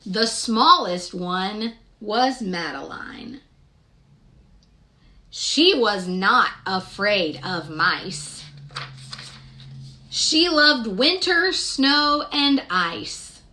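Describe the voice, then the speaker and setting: A woman reading a picture book aloud to children in an expressive, deliberate way, pausing to ask her young listeners questions. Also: medium pitch.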